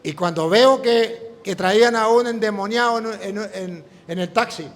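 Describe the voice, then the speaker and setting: High-pitched priest man preaching, acts out the voices, big echoey hall. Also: normal speed. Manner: lively storytelling, acting out dialogue. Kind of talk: storytelling sermon. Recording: long hall reverb.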